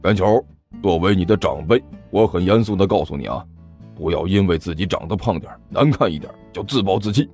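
A man's voice: low-pitched, expressive, brisk, darkish tone, faint music behind, voice pushed down. A man voicing a stern, suspicious middle-aged uncle from the neighborhood who lectures and scolds. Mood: lecturing.

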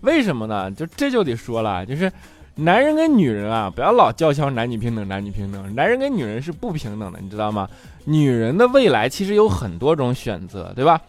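The comedian host, a man with a medium-pitched voice whose pitch swoops wildly, talks briskly over faint background music. His stand-up monologue is chatty storytelling, peppered with frequent "right?" checks to the audience.

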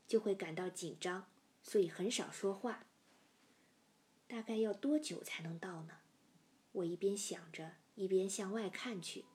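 A middle-aged woman telling a first-person story, sinking to hushed whispers in tense parts. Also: medium pitch. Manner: dropping to hushed whispers in suspense.

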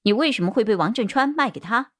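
A woman voicing a stern police detective who questions firmly and briskly. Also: a little high, expressive, pitched above the performer's own voice, lightly acted.

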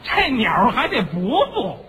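A man as the straight man in a crosstalk act, answering with short interjections and quick quips. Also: high-pitched, wildly swooping pitch, noisy background. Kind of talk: comic crosstalk banter.

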